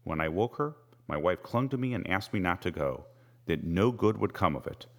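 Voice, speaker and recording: A man reading a first-person novel aloud with measured, wry storytelling. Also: sits low, lively intonation. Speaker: audiobook narrator. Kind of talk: scripted first-person narration.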